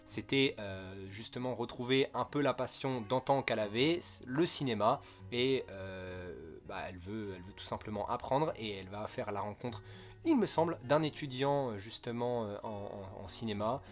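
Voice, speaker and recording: A man's voice: lowish voice, moderate pace. Young male vlogger from France, casual rambling manga review with crude jokes, faint background music. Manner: rambling, joking, self-correcting, crude slang. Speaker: manga youtuber.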